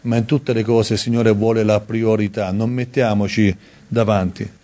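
A man preaching a sermon in a conversational way, reading scripture aloud and stressing key words with sudden high emphasis. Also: level tone, normal speed, mellow.

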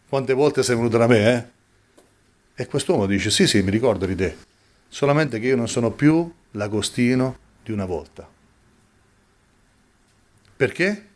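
A man preaching a sermon, asking rhetorical questions and rising sharply in pitch for emphasis.

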